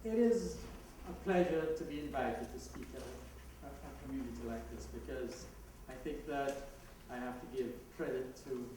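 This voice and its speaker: Here a conference speaker with a Jamaican accent uses a mid-range voice at a moderate pace, rarely pausing, and laughs at his own side remarks in a chatty talk. The sound is echoey and distant, with background noise in the hall.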